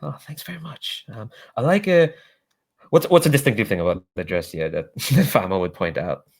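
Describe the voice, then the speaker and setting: A man's voice: medium pitch, expressive, normal speed. A man narrating a tabletop role-playing game as game master, improvising in an informal, hesitant way.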